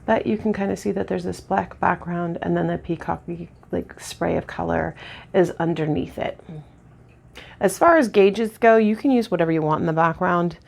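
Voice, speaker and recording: A woman demonstrating lash techniques in a casual tutorial, chatty and relaxed with lots of ums and restarts. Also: on the low side, moderate pace, creaky. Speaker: lash artist instructor.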